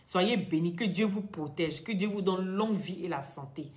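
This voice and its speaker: A woman's voice: lowish voice, normal speed, a little mellow, reverberant. A woman hosting a live video, speaking straight to her followers in an emphatic, lecturing way. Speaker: social media live-stream host.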